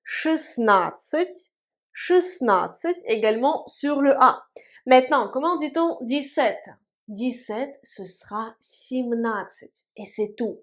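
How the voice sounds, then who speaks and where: High-voiced woman teaching slowly. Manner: patient, drills words slowly and repeats them. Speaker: Russian language teacher. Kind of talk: video lesson. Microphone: writing on a board.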